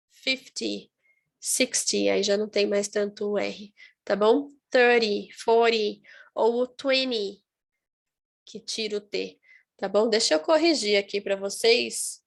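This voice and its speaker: A woman teaching an online lesson, speaking slowly and deliberately in a somewhat high voice. She exaggerates the stressed syllables as she drills each word and keeps checking in with her viewers. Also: creaky. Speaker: English teacher.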